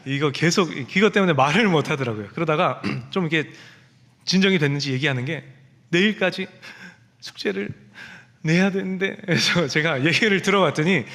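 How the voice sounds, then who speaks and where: A man preaching from the pulpit with a fairly high voice that rises and falls a lot. He tells stories and acts out the people in them. His words ring out with a long reverb in a church sanctuary. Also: fairly bright tone. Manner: storytelling, acting out quoted speech. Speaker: pastor. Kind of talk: sermon.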